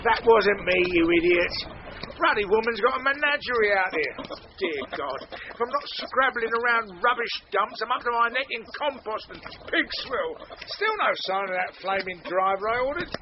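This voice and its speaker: A grouchy British chief inspector of detective radio drama, rude and lazy. His voice sits high for a man, and he grumbles everything with biting sarcasm. The recording is muffled, with clear noise around him. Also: expressive, moderate pace. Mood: irritated, sarcastic. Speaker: actor.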